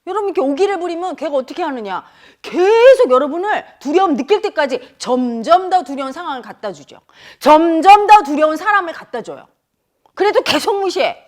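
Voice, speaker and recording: A middle-aged meditation teacher gives a spiritual talk about the mind in a very high, fairly quick voice. She is animated, speaks directly to her listeners, and acts out inner voices.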